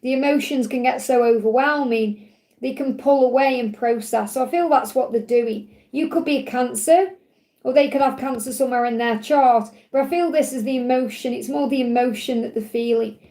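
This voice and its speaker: High, mellow-voiced middle-aged woman, slightly croaky. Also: normal speed. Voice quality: slightly croaky when hot. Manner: reassuring, repeats points in parallel phrases. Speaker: tarot reader, live show host. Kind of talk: live tarot love reading to viewers.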